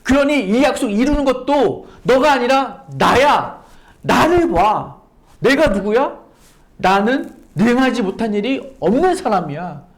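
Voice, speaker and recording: A woman's voice: fairly high pitch, sing-song, measured pace, voice pushed up. A woman preacher voicing God as a firm, reassuring voice that insists in a sermon. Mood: firm reassurance. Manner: emphatic, insistent, encouraging. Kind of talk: sermon with acted quotes.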